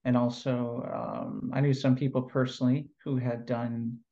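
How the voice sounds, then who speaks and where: Interviewed about being an NLP trainer, a man from California responds in a laid-back, thoughtful manner, pausing often and using plenty of fillers. His voice sits at a medium pitch, and the sound is lo-fi.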